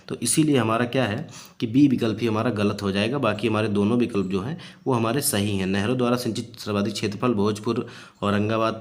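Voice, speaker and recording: A man teaching a recorded exam-prep lesson. His pitch sits in an ordinary middle range. He explains patiently, leans on fillers and says key figures twice. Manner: explanatory, many fillers and repeated phrases. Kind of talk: exam-prep lecture solving past questions.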